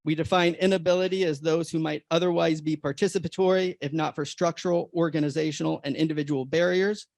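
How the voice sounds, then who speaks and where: A man on a conference panel, reading a prepared research presentation in a formal, steady way with occasional restarts. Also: a little high, fast talker, vocal fry, hardly any pauses, no echo.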